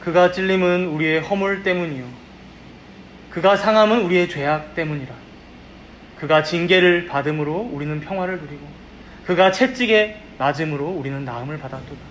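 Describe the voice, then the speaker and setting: A man, a pastor, leading his congregation in a slow, reverent, formal prayer during a Sunday service. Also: fairly high pitch, a bit bright, a little hiss or hum. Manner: measured, reverent, formal church diction. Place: church sanctuary.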